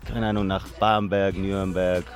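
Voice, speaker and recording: A low-voiced man from Chile talks in plain, careful German. He is a guest DJ answering questions earnestly. Faint music plays behind him outdoors by a lake. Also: level tone, measured pace. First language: Spanish. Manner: earnest, in simple non-native German. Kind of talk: casual interview.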